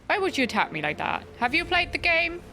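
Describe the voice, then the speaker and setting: This young woman's voice is extremely high, sing-song and brisk, with a sharp tone and slight background noise. While streaming a game, she chats casually with viewers and answers their messages, mocking her own failures in frustrated banter.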